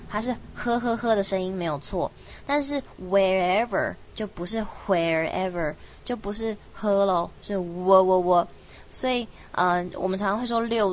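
A young woman leads an English pronunciation lesson at a measured teaching pace. She breaks words down and repeats each sound several times to show how it is said. Her voice sits at a middle pitch, with faint noise in the background. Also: rough recording. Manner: explains slowly, demonstrates sounds by repeating them. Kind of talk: language lesson.

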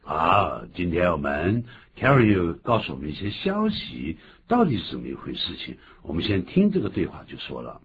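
低沉而抑扬顿挫的男英语老师. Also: male voice, moderate pace, vocal fry, hardly any pauses, breathy edge, muffled recording. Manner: animated, jumps to high emphatic pitch on key words. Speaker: English teacher, host. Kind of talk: radio English lesson.

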